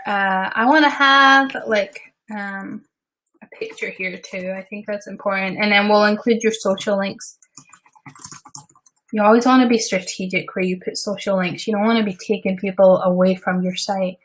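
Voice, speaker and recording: Rambling through a live work session, a woman from Scotland who designs websites hosts a stream full of casual chatter, fillers and side comments. She speaks at a normal speed in a mid-range, slightly bright voice with fairly even intonation.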